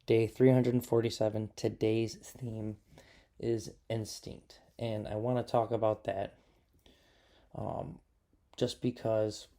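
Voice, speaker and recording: A man's voice: fairly low pitch, warm tone. A man hosting his own podcast, talking loosely in a casual solo monologue with a lot of filler words. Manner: loose and rambling, many fillers. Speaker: podcast host.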